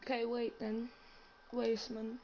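A man's voice: very high-pitched, completely flat delivery, slow pace, very noisy. A young man with a London roadman accent and slang, bantering casually while streaming a game.

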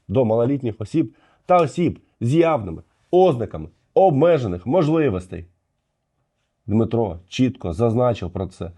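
Чоловік-коментатор обурено розбирає відео, посилаючись на закон. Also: male voice, mid-range voice, warm tone. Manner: indignant legal argument. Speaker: commentator. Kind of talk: commentary over video.

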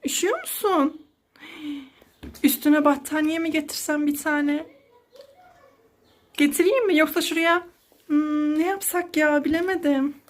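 A woman in her thirties with a high, bright-pitched voice, hosting a playful family skit vlog. She talks as a mother fussing over her child, full of dramatic exclamations and sing-song concern. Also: steady tone, measured pace, pauses often.

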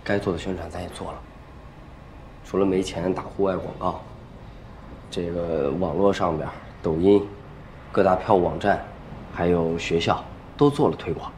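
A man's voice: low-pitched, fairly even intonation, moderate pace, long pauses, darkish tone, a little hiss or hum, natural voice. A man acting in a TV drama, speaking firmly and insistently as a music troupe organizer. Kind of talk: TV drama dialogue.

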